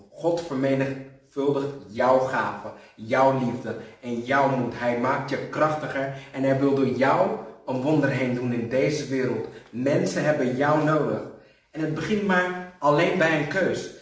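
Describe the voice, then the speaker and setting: A man giving a sermon, telling personal stories, building up to loud emphasis and dropping to soft, quiet moments. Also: medium pitch. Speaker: preacher. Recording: echoey hall, voice from some distance.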